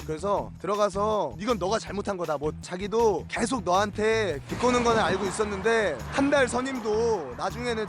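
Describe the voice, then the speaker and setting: A young man in his twenties, a streamer telling a casual story and acting out the voices of the people he quotes. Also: sits high. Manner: animated, acts out quoted voices. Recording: music bed under voice.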